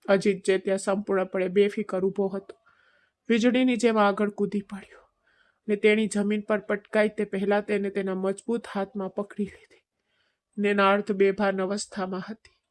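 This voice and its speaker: Woman reading out a family drama story, soft and even, middle pitch. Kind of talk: scripted narration of an emotional family story.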